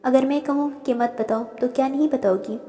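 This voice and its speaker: A woman's voice: sits high, steady tone, brisk, mellow, natural voice. A woman voicing a teasing, protective young man, the older cousin in a storybook reading. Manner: dry, mocking. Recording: roomy reverb.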